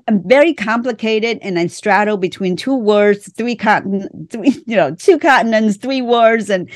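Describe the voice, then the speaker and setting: A woman's voice: fairly low pitch, no room sound, clean studio sound. A middle-aged woman from Vietnam with a Vietnamese accent, speaking earnestly in short phrases as an author being interviewed on a podcast. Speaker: author and guest.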